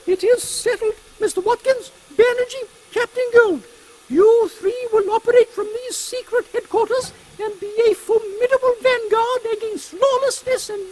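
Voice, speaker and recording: A man's voice: very high-pitched, poor audio. A man voicing a haughty, commanding English queen in a steampunk audio comedy. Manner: pompous, regal, commanding. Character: imperious, brisk Queen Victoria, haughty older British woman.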